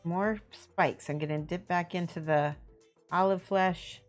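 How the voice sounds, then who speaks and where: A woman with a Midwestern American accent paints miniatures on a live stream, casually narrating each step, thinking aloud and welcoming viewers in chat. She speaks in a lowish voice, a little slowly, with soft music playing behind her.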